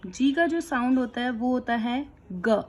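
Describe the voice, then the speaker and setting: A woman teaching young children letter sounds, explaining each one slowly and clearly. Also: on the high side, animated. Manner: slow, clear, patient explaining. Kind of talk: kids' phonics lesson.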